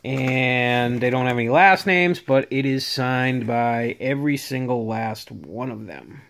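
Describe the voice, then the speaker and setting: A man's voice: medium pitch, unhurried, creaky, fairly bright tone. Rambling casual man showing collectibles. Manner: rambling, filler-heavy, upbeat. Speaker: autograph collecting vlogger. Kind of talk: casual show-and-tell vlog.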